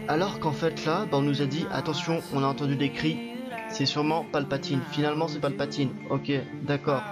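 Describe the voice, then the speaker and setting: A man's voice: a little high, level tone, brisk. Chatty young French man reviewing. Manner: chatty, loose, full of fillers and restarts. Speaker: film reviewer. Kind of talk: casual video review. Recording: dull lo-fi recording with faint music behind.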